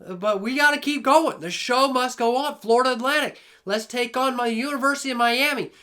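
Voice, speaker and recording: A young man giving excited play-by-play commentary on a video game, hoarse from losing his voice and talking to viewers like a buddy. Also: extremely high pitch, a little fast. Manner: hyped, exclamatory, talks to viewers like a buddy.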